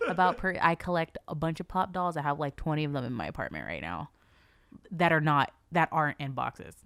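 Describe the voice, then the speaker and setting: A woman's voice: deep voice, expressive, fairly quick, a bit bright, no room sound, clean studio sound. A woman co-hosting a podcast in casual chat, blunt and teasing, swearing freely. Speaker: podcast co-host.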